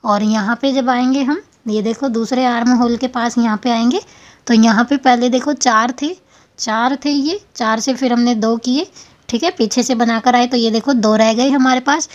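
Woman doing a crochet how-to, counts stitches out loud, kinda high voice, muffled lo-fi sound. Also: fairly even intonation, moderate pace. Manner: counts stitches aloud, patient and repetitive. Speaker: crochet tutorial host. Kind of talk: step-by-step craft tutorial.

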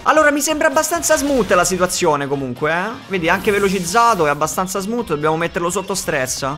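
Young man hosting a gaming channel, crude and jokey, fairly high voice, faint game music behind. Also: big pitch swings, brisk, sharp tone. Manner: crude, joking, swearing often. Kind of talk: casual gameplay commentary.

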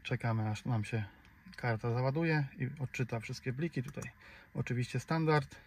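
The host of a car DIY tutorial channel, a Polish-accented man, explains each step conversationally and with slight hesitation while sitting in a car. He speaks at a moderate pace in a mid-range voice. Background noise from the car comes through clearly.

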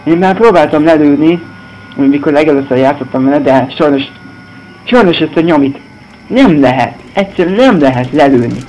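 A slightly hoarse young man commentating a horror game, cursing and yelping at scares. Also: a little high, animated, darkish tone, lo-fi sound, slight background noise. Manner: swearing, jumpy outbursts. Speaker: gameplay video host.

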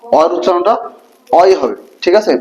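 A man teaching a grammar lesson to a class, asking many quick questions in a casual, colloquial way. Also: sits high, very animated, a little mellow, muffled recording.

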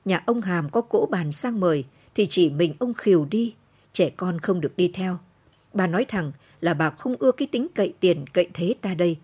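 Husky lady reading a novel on the radio, lowish voice, steady pace. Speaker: radio narrator. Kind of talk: scripted narration of a novel.

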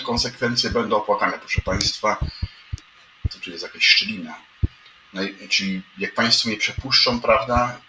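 A man drifts through the news in a meandering live commentary, full of wry asides and repeated addresses to the audience. His voice sits low. It sounds roomy and a bit far from the mic, with noise in the background. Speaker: livestream host reading news headlines. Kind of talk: rambling live commentary on headlines. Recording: echoey room, mic at a distance, audible noise.

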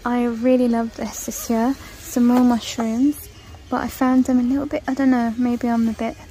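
A woman's voice: on the high side, level tone, moderate pace, warm tone, rough recording. Chatty woman touring a shop. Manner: chatty, listing prices, easily delighted. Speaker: shopping vlogger. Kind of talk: casual shop-with-me walkthrough. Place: large indoor retail store. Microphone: handheld phone camera.

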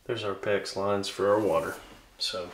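A man's voice: deep voice, fairly even intonation, measured pace, distant mic. A man in his twenties plainly explaining renovation work while touring a house on a handheld camera. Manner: plain, matter-of-fact explaining. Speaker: vlogger. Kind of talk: casual home-renovation vlog. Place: empty rooms in a house under renovation. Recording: echoey bare rooms, faint noise.

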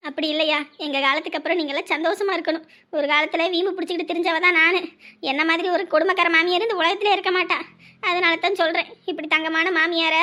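A woman's voice: very high voice, bright, forceful tone. An actress playing an older mother-in-law who gives blunt, heartfelt advice to the family. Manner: slow, heartfelt, earnest advice. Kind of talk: family drama acting.

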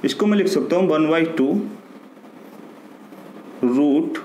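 Guy with hindi accent doing a maths class, fairly high voice, echoey room. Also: slow, darkish tone. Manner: explains step by step, asks and answers his own questions. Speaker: maths teacher. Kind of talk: classroom lesson. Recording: echoey room with faint noise.

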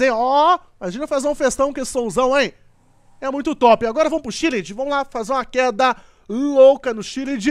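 A man giving excitable, exclamatory gameplay commentary as a gaming video host. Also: extremely high pitch, no echo. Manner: excitable, exclamatory, repeats "top" and "ó". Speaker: gaming YouTuber.

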